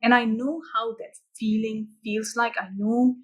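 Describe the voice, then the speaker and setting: Lady coach, husky breathy voice, thoughtful steady telling of her story. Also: on the high side, poor audio. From Malaysia. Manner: earnest, measured storytelling with some restarts. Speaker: guest, coach. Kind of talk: reflective interview answers.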